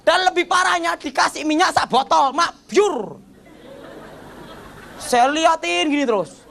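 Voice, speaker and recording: Seorang pria berlogat Jawa memberi kesaksian hidupnya dengan gaya bercerita yang bersemangat, sering menyapa pendengar dengan "saudara" dan memeragakan dialog dengan suara yang berganti-ganti. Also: male voice, very high-pitched, animated, unhurried, gravelly, bright, forceful tone, a faint crowd. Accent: Javanese. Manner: keeps addressing listeners as "saudara"; acts out dialogue in shifting voices. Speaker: former occultist giving a conversion testimony. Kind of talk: animated testimony storytelling.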